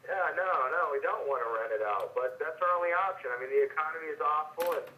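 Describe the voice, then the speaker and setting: A man's voice: a little high, fast. Guy on speakerphone, kinda muffled phone sound, stammers and hedges a lot. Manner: hesitant, stammering, guarded. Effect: heard over a speakerphone. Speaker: homeowner taking a sales call. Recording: dull phone line on speakerphone.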